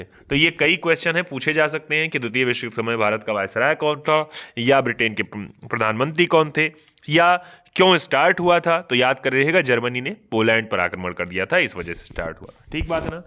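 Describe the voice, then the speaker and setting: A man giving a fast online exam revision lecture, asking questions aloud and answering them himself, often checking in with his students. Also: medium pitch, animated, sharp tone. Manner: quizzes himself aloud, keeps asking "ठीक बात है ना". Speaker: exam coaching teacher.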